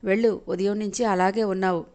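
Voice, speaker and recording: A woman voicing a loving, worried grandmother who soothes and gently scolds in an audio story. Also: mid-range voice, steady tone, brisk, natural voice. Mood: tender, worried.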